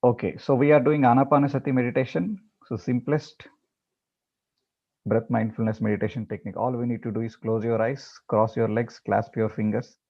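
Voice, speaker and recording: Man, meditation teacher, halting and repetitive, mid-pitched voice, slightly muffled lo-fi sound. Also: fairly even intonation. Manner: halting, repeats words with many fillers. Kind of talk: talk before guided meditation.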